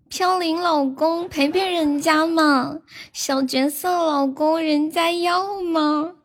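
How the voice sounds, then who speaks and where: A woman's voice: high-pitched, creaky, heavily acted. A woman putting on a coy, clingy young girlfriend voice, pouting in whiny baby talk.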